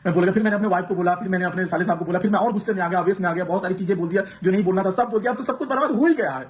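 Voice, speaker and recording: A man's voice: high voice, rapid-fire. A man vlogging to his viewers, pouring out an aggrieved personal account with many restarts. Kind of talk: emotional personal account to camera.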